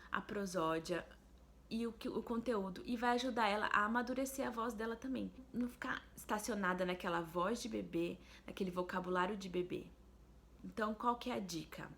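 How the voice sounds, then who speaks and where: Gravelly-voiced woman giving speech tips. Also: medium pitch, fairly bright tone. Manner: clear, explanatory, demonstrative. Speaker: speech therapist. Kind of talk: instructional video for parents.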